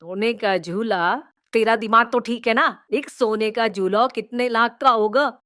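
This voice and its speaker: A woman's voice: on the high side, measured pace, fairly bright tone, no echo, clean studio sound. A woman voicing a greedy, scheming middle-aged mother-in-law in a cartoon, bossy and nagging. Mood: indignant. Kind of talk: cartoon voice acting.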